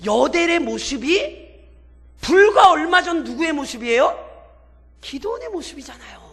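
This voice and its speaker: A man's voice: extremely high pitch, big pitch swings, normal speed, vocal fry, a bit bright. A male pastor preaching a sermon at a midweek prayer service, asking the congregation questions and acting out biblical characters in mocking everyday speech. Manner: acts out biblical characters in mocking colloquial quotes. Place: church sanctuary. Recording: long hall reverb.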